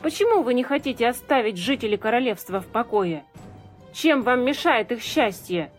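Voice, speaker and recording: A woman's voice: on the high side, lively intonation, normal speed, faint music behind, natural voice. A woman doing an outraged brave young girl. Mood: indignant. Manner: shouting, outraged.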